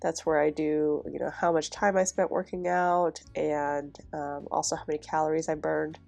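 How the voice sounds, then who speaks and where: Decorating a planner on camera, this young woman talks casually in a voice-over, nasal and congested from a cold. Her low, creaky voice moves at a moderate pace over soft background music, and her relaxed, chatty manner is dotted with soft laughter.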